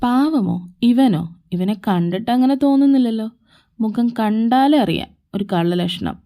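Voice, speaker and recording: A stern young man who runs a palace speaks curtly and dismissively, voiced by a woman. She drops her voice lower and keeps it dark and mellow. This is a homemade fan audio drama. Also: lively intonation, normal speed. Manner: curt and dismissive.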